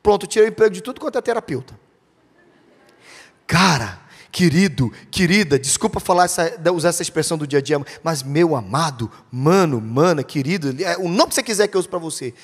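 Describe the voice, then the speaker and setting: A man's voice: fairly high pitch, expressive, fast talker, breathy edge. A Brazilian man preaching an impassioned, emphatic sermon as pastor, speaking directly to his congregation. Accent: Brazilian Portuguese. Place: church sanctuary. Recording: long church hall reverb.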